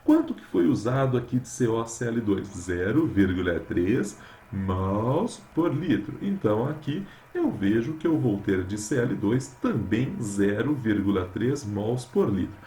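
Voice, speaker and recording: A man's voice: fairly low pitch, big pitch swings, a little slow, dark tone, reverberant. Man, Brazilian Portuguese accent, chemistry teacher, repeats words for emphasis, faint background noise. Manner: affectionate, addresses students as "meus amores", repeats words for emphasis. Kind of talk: recorded lesson solving exercises.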